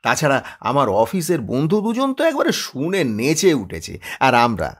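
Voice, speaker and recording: A man's voice: medium pitch, wildly swooping pitch, normal speed, a bit bright, breathy edge, voice pushed up, heavily acted. A man voicing a flustered, evasive grown son in an audio story, over-talkative and stammering. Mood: eager.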